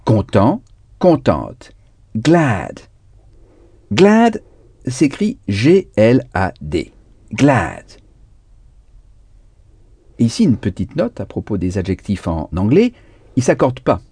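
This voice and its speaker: A male language teacher leads a recorded lesson, repeating each word and spelling it out letter by letter. He talks very slowly, and his pitch leaps widely from low to high as he stresses words. His voice is mellow and dark, recorded dry and close. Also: huge pitch swings, husky, dry recording.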